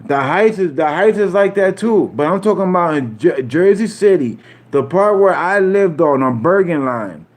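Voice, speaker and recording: A Puerto Rican streamer rambles casually to his live chat in a high-pitched, animated voice at a moderate pace. He uses street slang, repeats himself, and drops in "you feel me" asides.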